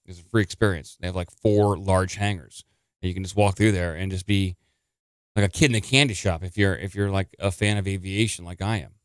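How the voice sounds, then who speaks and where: This male podcast host rambles through casual live-stream chatter and complains readily. He has a deep, steady, clear and resonant voice, though slightly nasal and congested. It's a dry recording.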